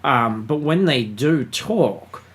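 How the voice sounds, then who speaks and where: A man's voice: medium pitch, lively intonation, slow pace, a bit bright. Exasperated man ranting in a movie podcast. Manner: exasperated, ranting critique with mocking quotes. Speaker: podcast co-host. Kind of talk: casual film review chat.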